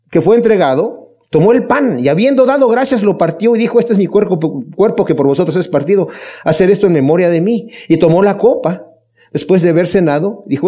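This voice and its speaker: This pastor's voice is fairly high and mellow as he preaches during a Bible study. He presses his case with rhetorical questions, speaking earnestly and emphatically and addressing the congregation warmly.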